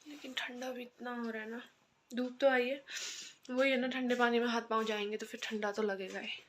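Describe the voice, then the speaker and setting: A woman's voice: a little high, steady tone, a little fast, background noise. Chatty young woman vlogging her day. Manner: chatty, running commentary on her chores; addresses viewers as guys. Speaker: home vlogger and mother. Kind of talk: casual vlog chat.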